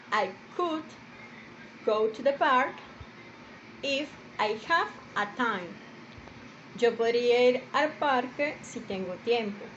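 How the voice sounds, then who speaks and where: A woman with a high voice delivers a careful lesson, repeating each example for her listeners. Her native language is Spanish. The recording is dull and lo-fi, with faint background noise. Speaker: English teacher. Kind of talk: slow explanatory lesson.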